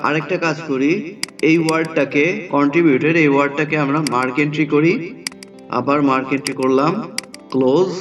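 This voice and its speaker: Man, fairly high voice, step-by-step software lesson, distant dull lo-fi mic. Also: a little hiss or hum. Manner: step-by-step, narrating each click. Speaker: software tutorial instructor. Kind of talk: screen-recorded software lesson.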